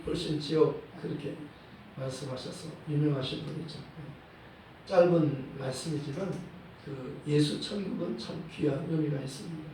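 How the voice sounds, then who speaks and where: A male pastor preaching a sermon in a church, in a measured way, often dropping a short "yes" between phrases and quoting verses. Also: on the high side, dark tone, a little hiss or hum. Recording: echoey hall, voice from a distant mic.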